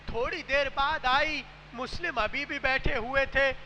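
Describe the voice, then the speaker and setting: A man preaching a mourning sermon, telling a sad story softly and then rising into loud, wailing cries. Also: extremely high pitch. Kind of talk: majlis sermon, recited with rising lament. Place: large mosque hall. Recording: echoey hall with faint noise.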